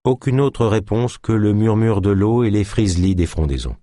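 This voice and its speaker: A man's voice: on the low side, moderate pace, mellow, no echo, studio quality. A man reading a novel aloud as an audiobook narrator, telling the story expressively.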